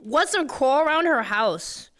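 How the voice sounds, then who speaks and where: Cute, very high-pitched animated woman streamer. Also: measured pace. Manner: playful, goofy, exaggerated reactions. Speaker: streamer reacting to a video. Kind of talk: casual reaction stream chat.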